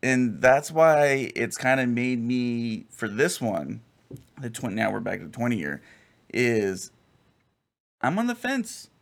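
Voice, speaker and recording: A man's voice: medium pitch, slow, gravelly. A man in his late thirties co-hosting a casual chat, hesitant and rambling, with many restarts.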